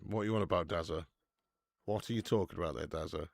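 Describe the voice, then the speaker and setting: Gravelly man in his thirties. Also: deep voice, fast talker, no room sound, studio quality. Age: 30s. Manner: laughing, swearing banter with chat. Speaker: football watch-along host. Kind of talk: casual live-stream chat.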